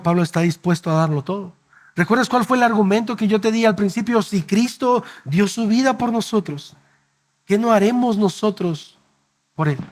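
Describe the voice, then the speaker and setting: A man preaching a sermon as pastor, speaking earnestly and directly to the congregation, dropping soft and slow at emotional peaks. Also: high-pitched.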